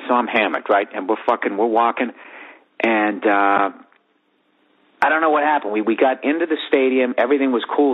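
A man hosting a podcast, telling a profane, rambling comic story in a lively way from his bedroom. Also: mid-range voice. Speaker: podcast host. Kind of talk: comedic storytelling monologue. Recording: phone-like lo-fi audio.

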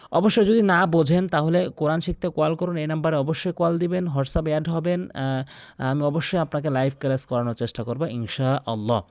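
A man with a Bangladeshi Bengali accent teaching Quran recitation rules. He explains slowly, repeats each rule and chants verses long and high. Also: darkish tone, dry recording, clean studio sound. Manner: repeats instructions and appeals for likes. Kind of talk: tajweed lesson with chanted recitation.

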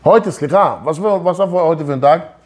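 A Torah teacher in his thirties delivers an emphatic lecture, firing off rhetorical questions and mixing in Hebrew words. His voice is fairly high, a little mellow and slightly rough, at a normal speed. He's recorded on a lapel mic in an office room with a wooden wall.

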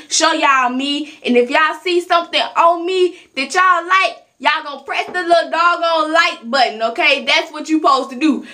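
A high, bright-voiced woman from Alabama talks with a thick Southern accent in a sassy, scolding vlog rant. She swings between loud, preachy outbursts and low mutters. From Alabama, USA. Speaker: YouTuber. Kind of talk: ranting straight-to-camera vlog.

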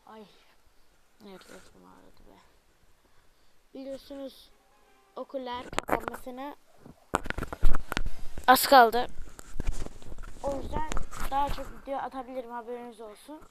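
A young woman commentating her own gameplay, alternating muttered remarks with loud frustrated outbursts and asides to viewers. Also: sits high, a little slow, pauses often, very noisy. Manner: excitable, frustrated outbursts at the game; talks to viewers, asks them to subscribe. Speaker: gaming video creator; student.

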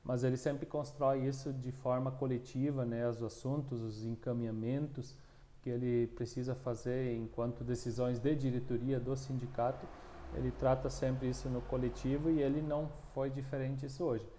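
There's a little hiss or hum as this thirty-something union coordinator, southern Brazilian by accent, responds to interview questions. His warm, medium-pitched delivery is flat and halting, full of restarts and fillers; he's on a lapel mic in a small, plain-walled room indoors.

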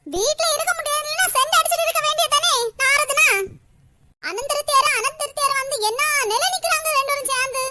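A woman voicing a loud, sharp-tongued village woman in a cartoon, scolding and sarcastic. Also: very high-pitched, slight background noise, heavily acted. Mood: indignant. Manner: scolding, sarcastic, rapid complaints. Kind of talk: animated cartoon voice acting.

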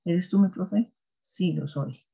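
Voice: medium pitch, slow, gravelly, warm tone, slightly rough. An English teacher giving a recorded class explanation, patient and often stopping to check that students follow along. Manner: patient, checks understanding with repeated "¿listo?". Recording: dull lo-fi recording.

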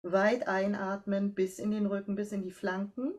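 A woman with a German accent who works as a voice coach, giving slow, calm step-by-step instructions in a breathing and posture exercise. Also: mid-range voice.

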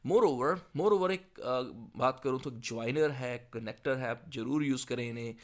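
A man teaching English exam speaking, slowly reading model answers and then explaining them quickly. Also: medium pitch. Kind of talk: spoken language lesson.

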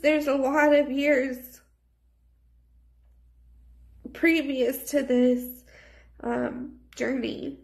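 Woman, thirties, high voice, gravelly creak, confessional phone vlog. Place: small plain indoor room. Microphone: phone at arm's length.

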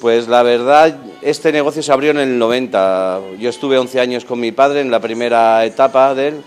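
A restaurant manager in his thirties answers interview questions on camera in a restaurant dining room, speaking earnestly into a handheld mic held by the interviewer. His mid-range voice moves at a moderate pace with frequent fillers and restarts, and soft music plays in the background.

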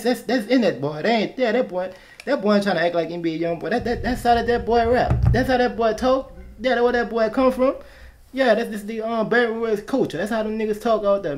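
Man, high voice, music reaction host, casual, animated, playfully scolding, repetitive.

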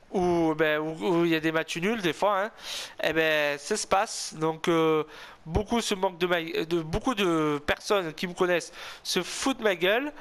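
A young man from southern France doing solo commentary on a football video game, rambling between plays and bursting into repeated shouts at goals, his voice going hoarse. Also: high voice. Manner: excitable, shouts repeated goal calls, rambling asides. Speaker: gaming youtuber.

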